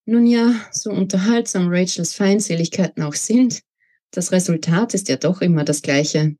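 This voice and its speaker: A woman reading as a dreamy, gentle young woman. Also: lowish voice, moderate pace, natural voice.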